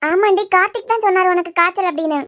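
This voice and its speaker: A woman's voice: very high voice, very fast, a bit bright. A woman voicing Pavi, worried young Kanyakumari-accented woman. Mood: plain. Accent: Kanyakumari Tamil. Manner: troubled, pleading. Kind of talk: cartoon web series voice acting.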